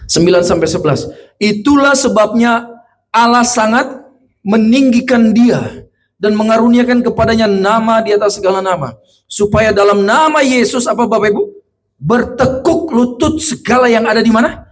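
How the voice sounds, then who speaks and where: A male pastor preaching a sermon to a congregation, asking them questions, and moving between loud emphatic lines and quiet, low storytelling. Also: normal speed. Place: church.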